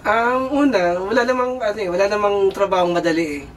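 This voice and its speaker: A young man who works in a cruise ship kitchen, answering interview questions casually and hesitantly, searching for words with many pauses and fillers. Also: sits high. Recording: distant mic with faint background noise.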